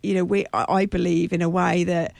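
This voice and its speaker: A woman with a croaky, hoarse frog voice, speaking haltingly as she searches for words in a radio interview. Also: lowish voice, level tone, a little mellow, no room sound. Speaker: radio show guest. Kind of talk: personal interview conversation.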